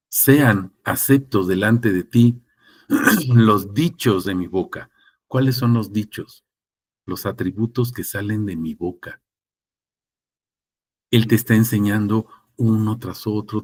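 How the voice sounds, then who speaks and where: A man preaching a sermon, teaching with rhetorical questions and repeated phrases, moving between loud emphatic passages and quiet ones. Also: lowish voice.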